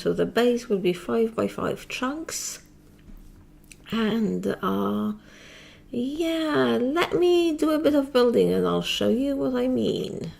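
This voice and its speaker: A woman with a heavily creaky, gravelly voice, chatting her way through a building game at a middling pitch. She sounds tired and talks in a rambling, self-mocking way, full of fillers. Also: a little mellow. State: tired, yawning. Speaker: Minecraft modpack let's-player. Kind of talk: casual gameplay commentary.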